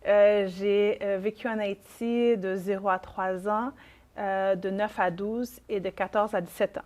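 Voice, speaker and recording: A woman in her forties with a Quebec French accent, a lawyer speaking as a guest in an interview, measured and with frequent hesitations. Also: mid-range voice, steady tone, darkish tone. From Haiti. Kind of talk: conversational interview.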